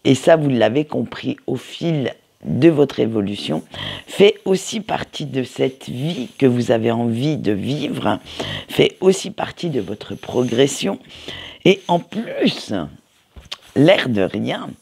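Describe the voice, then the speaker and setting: A man's voice: mid-range voice, very animated, slow, gravelly, a little mellow, husky. A man giving a casual weekly tarot reading, hesitant and full of fillers and restarts. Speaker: tarot card reader.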